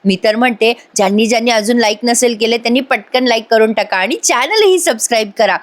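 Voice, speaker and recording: A woman narrates a recap of a TV serial, chatting straight to her audience. Her voice sits fairly high. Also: a little fast. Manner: chatty, addresses viewers directly. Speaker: TV serial reviewer. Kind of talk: voice-over episode recap.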